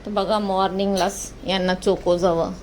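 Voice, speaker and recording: A woman's voice: medium pitch, fairly even intonation, moderate pace, a little mellow. A woman, filming a home vlog and coaxing her children with motherly questions. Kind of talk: casual home vlog narration and chat with children. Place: home, indoors. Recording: noisy home phone recording.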